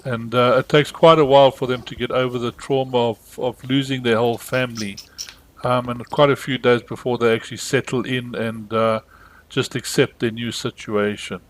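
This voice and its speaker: A man calmly narrating an animal sanctuary video in a gentle, explaining way with frequent ums. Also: medium pitch, moderate pace, poor audio. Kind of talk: voice-over narration of a wildlife rescue video.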